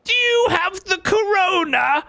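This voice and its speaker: A man's voice: very high voice, lively intonation, unhurried, vocal fry, bright, forceful tone, a little hiss or hum, pitched above the performer's own voice, full character voice. A man voicing a panicky townsperson obsessed with germs during a game playthrough, firing off frantic, accusing questions. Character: shrill germ-obsessed townsperson.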